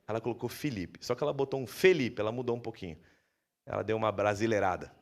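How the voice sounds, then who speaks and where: A man with a Brazilian Portuguese accent preaching a sermon in a church, telling the story vividly and acting out dialogue in a lowered voice. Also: quick pace. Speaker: pastor.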